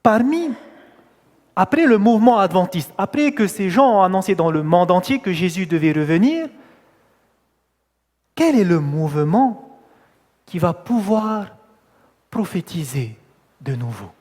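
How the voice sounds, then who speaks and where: A man's voice: sits high, big pitch swings, a little slow, pauses often, a little mellow, long reverb tail. A man preaching a sermon, putting questions to his listeners and stressing key words as he answers them. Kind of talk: sermon teaching.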